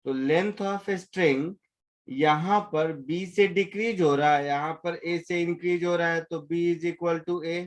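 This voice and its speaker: Talking a little slowly with hardly any pauses, a male physics teacher uses a fairly high, fairly even voice to explain a problem step by step. He teaches the live class in Hindi mixed with English and keeps checking that students follow along.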